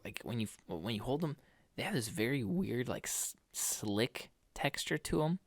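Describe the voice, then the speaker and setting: Man, podcast co-host, rambling with fillers, laughs a lot, mid-pitched voice, dry sound. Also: expressive, moderate pace, dry recording. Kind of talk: casual podcast chat.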